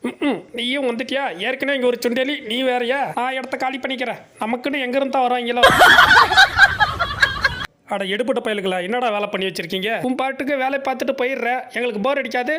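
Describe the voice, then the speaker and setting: A man's voice: extremely high pitch, steady tone, a little fast. A man doing comic, teasing voice-overs for animals in a bantering, cartoonish way. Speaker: comedy voice-over creator. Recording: noisy background.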